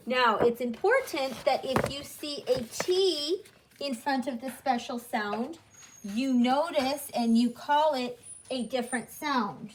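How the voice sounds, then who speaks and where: A woman gives a phonics lesson at an unhurried pace, drawing out each special sound so young learners can repeat it. Her voice sits a little high for a woman. She over-enunciates her sounds in a patient, deliberate way. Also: noisy background. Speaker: phonics teacher.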